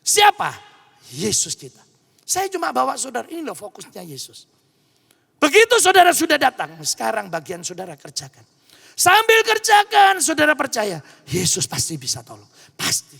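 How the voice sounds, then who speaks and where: A pastor with an East Javanese accent, preaching a sermon in animated storytelling fashion and acting out dialogue. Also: male voice, very high-pitched, normal speed, gravelly, husky.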